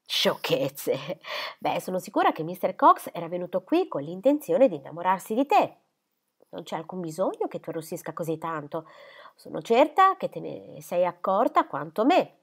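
Woman voicing a coquettish young lady, teasing and airy, lively swooping pitch, audiobook reading. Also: normal speed, breathy edge, full character voice.

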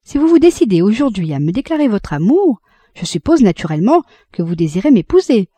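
A woman's voice: medium pitch, big pitch swings, brisk, dark tone, no room sound. Woman playing a poised, practical young widow. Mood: composed. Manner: crisp, sensible and direct.

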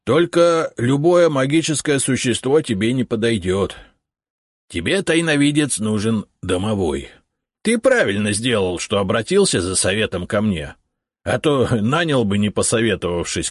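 A man's voice: on the low side, animated, moderate pace, no echo, studio quality. A man putting on a boastful house spirit. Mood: self-important. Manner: bossy, know-it-all, grumbling with 'eh' fillers. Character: boastful self-important male house spirit. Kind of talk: audiobook character voice.

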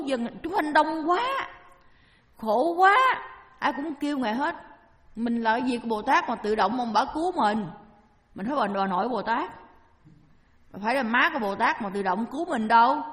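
A woman giving a Buddhist dharma talk, asking her listeners questions and answering them herself with homely everyday examples. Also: a little high. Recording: long hall reverb.

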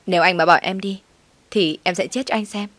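A woman's voice: medium pitch, fairly even intonation, a little fast, fairly bright tone, dry recording, natural voice. A woman voicing a desperate young mistress who pleads and wails to keep her lover. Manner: pleading, wailing.

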